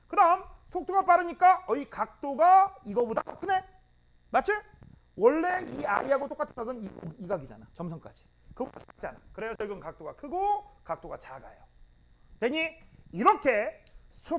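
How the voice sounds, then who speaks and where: Middle-aged man, physics lecture, lively pitch swings, blunt teasing delivery, repeats key terms. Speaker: physics teacher. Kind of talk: classroom lecture.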